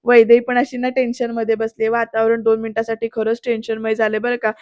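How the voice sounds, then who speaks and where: A woman recaps a TV serial episode in voice-over, retelling each scene and calling out to her viewers. Her voice is high and fairly flat in pitch. It is recorded dry on a close mic. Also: a little fast, clear, resonant tone, no echo. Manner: lively storytelling, addresses viewers directly. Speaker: serial reviewer.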